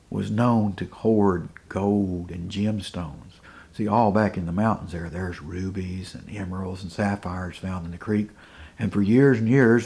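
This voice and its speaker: A man telling a folk tale in an unhurried, dramatic way, dropping to hushed asides. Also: on the low side. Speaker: folk storyteller.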